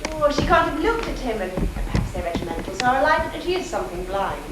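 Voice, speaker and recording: A woman's voice: fairly high pitch, very animated, fast. A woman playing a sulky, dreamy, romantic young woman in a stage play, with petulant delivery. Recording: echoey hall, far from mic, noisy.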